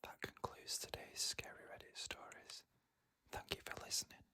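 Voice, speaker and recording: An unvoiced, soft ASMR whisper carries these creepy first-person stories. The storyteller reads them slowly, with measured phrasing.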